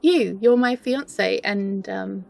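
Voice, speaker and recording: Her voice medium-pitched, creaky and a little mellow, a woman acts as a flustered, lovestruck best friend with a mischievous scheming streak in a close romantic audio roleplay. The mood is giddy and tender, delivered in stammering, broken-up bursts.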